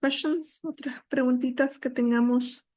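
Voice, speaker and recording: Slow, patient woman teacher on a call. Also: sits high, steady tone, a little mellow. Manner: patient, switches between English and Spanish. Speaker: English teacher. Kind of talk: online class teaching. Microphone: video call.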